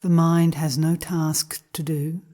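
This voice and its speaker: A low-pitched woman reads spiritual teachings as a guided meditation, calm, measured and contemplative.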